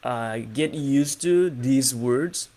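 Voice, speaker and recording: An extremely slow, mellow, mid-range voice belongs to a man with an Indonesian accent running casual English practice on a video call. His speech is hesitant, dotted with fillers and restarts.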